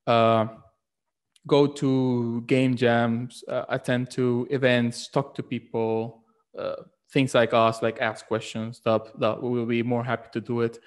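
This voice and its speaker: Flat-voiced man, hesitant with fillers. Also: mid-range voice, slow pace, clean tone. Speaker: game programmer panelist. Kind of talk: online panel talk.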